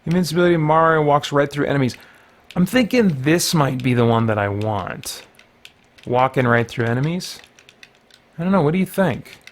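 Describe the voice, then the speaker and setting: A man with a fairly high, expressive voice speaks at a normal pace. He hosts a channel about gaming and faith, and he muses aloud to himself while playing, mixing casual gameplay commentary with devotional talk.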